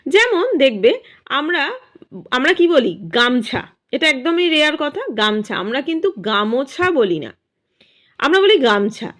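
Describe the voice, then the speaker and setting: A woman's voice, a little higher than most, leads a grammar lesson for students. She explains each point slowly and in small parts, then asks questions out loud. Her pitch rises and falls a great deal, with a lively, expressive sound. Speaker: teacher.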